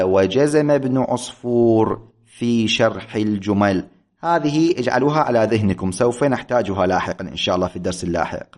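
A man teaching a grammar lesson, reading from a text and explaining it, slowing down to spell out examples and asking the class questions he then answers himself. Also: medium pitch.

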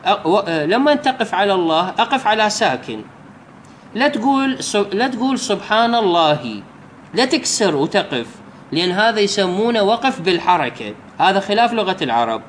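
A man with an Iraqi Arabic accent giving a religious lesson, explaining step by step and slowly reciting example phrases. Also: high-pitched, very animated, a little hiss or hum. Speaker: religious teacher.

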